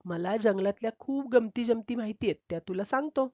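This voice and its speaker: Woman voicing a lonely storybook cat, chatty, coaxing, higher voice, dull dry recording. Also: brisk, a little mellow, no room sound, lightly acted. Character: lonely male cat eager for a friend.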